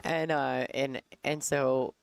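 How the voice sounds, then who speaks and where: A woman giving casual commentary on a pool match, chatty and quick to laugh as she tells stories. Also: a bass voice, fairly even intonation, creaky, slight background noise. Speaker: color commentator. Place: pool hall commentary booth.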